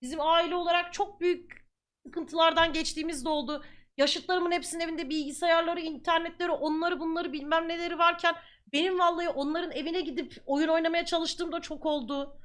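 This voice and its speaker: A woman's voice: very high-pitched, steady tone, brisk, fairly bright tone. A young woman streamer talking earnestly to her viewers, casual and slangy, repeating phrases for emphasis. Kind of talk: live stream chat talk to viewers.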